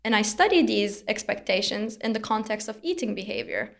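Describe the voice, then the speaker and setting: A young woman from Turkey, a researcher explaining her work in an interview in a measured way, with occasional fillers. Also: mid-range voice, animated, vocal fry, fairly bright tone. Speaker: researcher guest.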